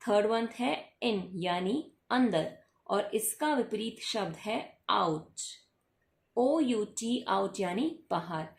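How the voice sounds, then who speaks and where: Slow woman teacher going through a worksheet, spells stuff out, kinda echoey room. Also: medium pitch. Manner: slow, patient explaining, spells words out letter by letter. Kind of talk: worksheet lesson explaining English words. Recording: echoey room with faint background hum.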